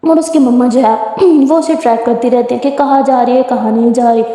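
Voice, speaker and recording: A woman narrates a love story in an easy, conversational retelling style. Her voice is high and mellow. The recording is very echoey, with a long reverb tail. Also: fairly even intonation, a little fast.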